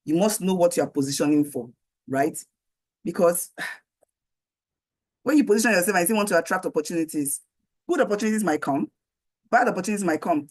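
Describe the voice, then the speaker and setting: Woman, guest speaker, slightly hoarse, chatty, lots of fillers, video call. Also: on the low side, expressive, brisk, long pauses, a little mellow. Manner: conversational, many "you know" fillers, rhetorical questions. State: voice going hoarse. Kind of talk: online training presentation.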